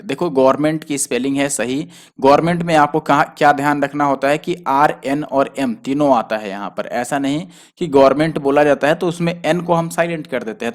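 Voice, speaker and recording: A man teaching a spelling lesson for exam students, who explains patiently and spells words out letter by letter. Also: medium pitch. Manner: explains patiently, spells letters out slowly, often adds "theek hai". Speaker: exam prep tutor.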